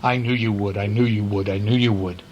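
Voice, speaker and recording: A man voicing a grateful little male toy clown in a bedtime storybook reading, speaking softly. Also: on the low side, steady tone, fairly quick, dull audio, a little hiss or hum, pitched below the performer's own voice, lightly acted.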